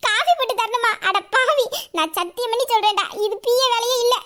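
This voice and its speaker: A woman voicing a sharp-tongued young office assistant in an audio drama, grumbling asides under her breath. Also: very high voice, fairly quick. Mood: exasperated. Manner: grumbling asides, exasperated muttering. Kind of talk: Tamil audio drama acting.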